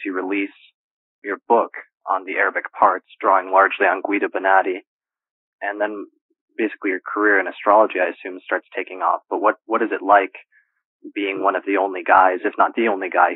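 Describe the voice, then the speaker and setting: Man interviewing, very deep voice, flat delivery, dry tinny phone sound. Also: dry recording. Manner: steady, summarizing questions. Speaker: podcast host. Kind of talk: interview questions.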